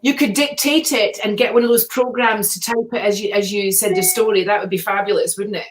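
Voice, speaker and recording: A woman's voice: mid-range voice, fairly even intonation, a little fast, a little hiss or hum, low-quality recording. A woman hosting a casual interview chat, talking in a gushing, effusive way. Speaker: show host.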